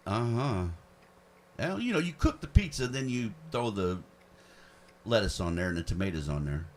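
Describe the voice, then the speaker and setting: Brief: man, radio co-host, relaxed, chuckly banter. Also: fairly low pitch, normal speed, slight background noise.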